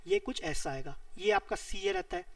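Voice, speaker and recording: Lively-voiced tutor repeating key terms. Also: medium pitch, moderate pace, creaky, dry recording, recorded from a distance. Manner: mixes English technical terms into Hindi speech. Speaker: civil engineering exam tutor. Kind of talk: whiteboard lecture.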